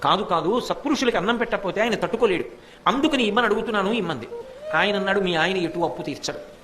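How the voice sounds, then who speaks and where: An older man giving a devotional discourse. He speaks straight to his listeners and tells a story, acting out its dialogue in changing voices. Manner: addresses listeners directly, acts out quoted dialogue with shifts in pitch. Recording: clear music bed under the voice.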